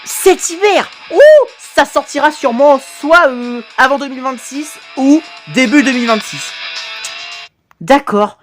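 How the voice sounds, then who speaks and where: A woman talking as an excited anime fan in a casual, sweary reaction commentary, gushing with slangy exclamations. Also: high-pitched, measured pace, soft background music. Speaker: reaction video host.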